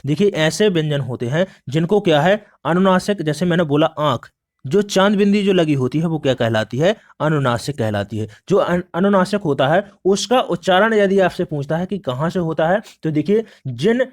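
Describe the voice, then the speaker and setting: Male teacher, slightly high voice, patient step-by-step exam prep explainer. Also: animated, normal speed, hardly any pauses. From India. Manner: repeats "dekhiye" often, explains step by step.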